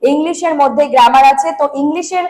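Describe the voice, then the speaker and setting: A woman's voice: high voice, fast, a little mellow, poor audio. A woman with a Bengali accent teaching an online exam-prep lesson, asking her students questions and then answering them herself, repeating her points with emphasis. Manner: repetitive, emphatic.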